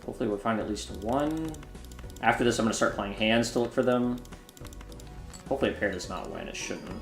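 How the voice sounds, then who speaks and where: Playing a card game on stream, a man in his 20s keeps up loose, joking commentary for viewers. He talks briskly in a fairly low voice with vocal fry, while the audio carries a roomy echo and quiet music in the background.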